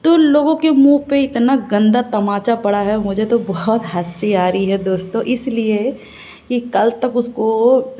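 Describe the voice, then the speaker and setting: A woman's voice: mid-range voice, warm tone. A woman reaction vlogger talking to her viewers in casual commentary, chatty and scolding by turns.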